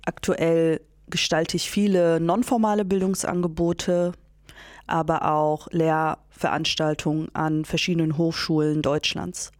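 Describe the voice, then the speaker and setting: Female guest, calm matter-of-fact delivery, dry close sound. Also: low-pitched, measured pace, dry recording. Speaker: guest, educator.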